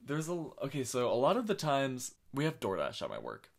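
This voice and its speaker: A man's voice: mid-range voice, huge pitch swings, brisk, creaky. A young man co-hosting a podcast, talking in a laid-back way, swearing freely and doing mock-sweet impressions of himself at work. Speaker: podcast co-host. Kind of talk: casual chat.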